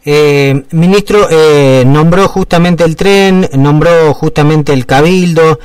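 A man's voice: on the high side, takes it slowly, darkish tone, clean tone, dry recording, recorded from a distance. A man, a radio interviewer asking questions with many hesitant fillers. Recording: dry, heard from off the mic.

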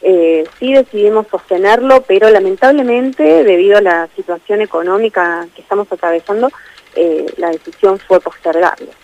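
A woman with an Argentine accent, a tourism official answering questions in a radio interview, speaking in a measured way with many fillers. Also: mid-range voice, darkish tone, dry recording, highs cut off. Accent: Argentine Spanish.

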